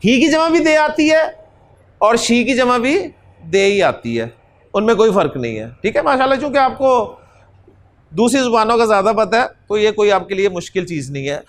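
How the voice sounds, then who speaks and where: A man teaches a grammar lesson. He repeats short pronoun forms in a steady chant and peppers his explanations with a polite "ji". He gestures with his hands as he talks. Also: high-pitched, normal speed. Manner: drills pronouns in chanted repetition, says "जी" often. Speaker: Arabic teacher. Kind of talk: classroom-style grammar lesson.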